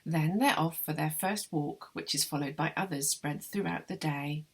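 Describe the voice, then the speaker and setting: A woman translator reading her translated novel aloud, with measured, wry first-person narration. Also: low-pitched, slightly rough. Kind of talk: literary reading of a novel excerpt.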